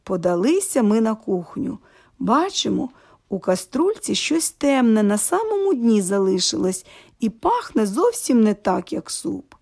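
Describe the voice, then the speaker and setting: Expressive woman reading a children's story. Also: fairly high pitch, unhurried, creaky, husky.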